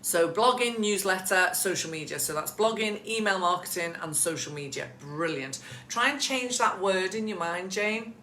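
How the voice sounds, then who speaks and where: Bright, chatty woman coaching from home. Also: on the low side, animated, moderate pace, hardly any pauses, reverberant, a little hiss or hum. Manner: chatty and encouraging, addresses viewers by name. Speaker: business coach for photographers. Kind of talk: casual live coaching session. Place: at home with pets nearby.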